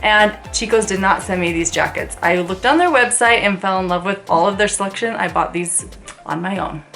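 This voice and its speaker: A woman's voice: medium pitch, fairly quick, gravelly, fairly bright tone, faint music behind. A woman in her thirties talking to camera in a sponsored family vlog, chatty and upbeat, speaking straight to her viewers. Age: 30s. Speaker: family vlogger.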